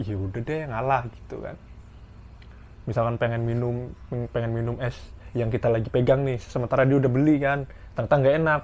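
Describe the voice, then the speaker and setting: A young man from Indonesia talks straight to his viewers in a relaxed vlog monologue. He speaks at a middle pitch and hammers points home by repeating them. His delivery is informal and earnest. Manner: repetitive, emphatic storytelling addressed to viewers. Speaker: vlogger working in Japan.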